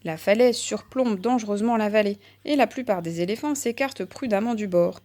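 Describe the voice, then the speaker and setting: Calm woman reading a children's story. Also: mid-range voice, fairly quick. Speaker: narrator.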